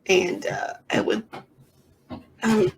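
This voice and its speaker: A woman hosts a casual solo podcast from her bedroom, whispering into a sensitive studio microphone. Her raspy voice draws out words as she rambles with many fillers and restarts.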